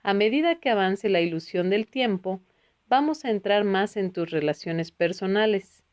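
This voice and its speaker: A woman's voice: mid-range voice, normal speed, darkish tone, dull audio, close to an everyday voice. A woman voicing a kindly male spiritual teacher who explains patiently in a read-aloud book.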